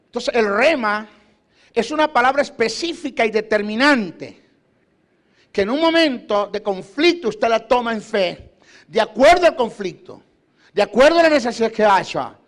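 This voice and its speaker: A middle-aged male preacher with a high-pitched voice. He teaches scripture in an emphatic way and piles up repeated phrases as he urges his listeners on. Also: lively intonation, moderate pace. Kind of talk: sermon teaching.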